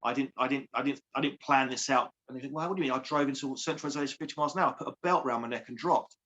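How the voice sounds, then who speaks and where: A man's voice: mid-range voice, very fast, bright, forceful tone, highs cut off. A man, a coach speaking earnestly as an interview guest, repeating phrases for emphasis. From England. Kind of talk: heartfelt interview.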